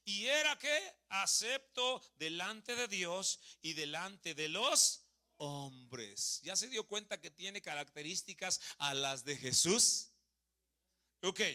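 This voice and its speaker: A Mexican man in his thirties preaching a sermon in a church hall, asking the congregation questions and joking with them. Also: sits high. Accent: Mexican Spanish. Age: 30s. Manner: lively, asks the congregation questions and jokes with them.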